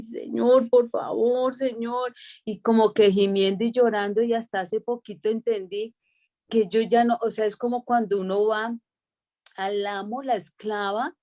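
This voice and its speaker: A woman's voice: medium pitch, dark tone. A woman in a Bible study group earnestly sharing a personal testimony. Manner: earnest, reflective, with fillers.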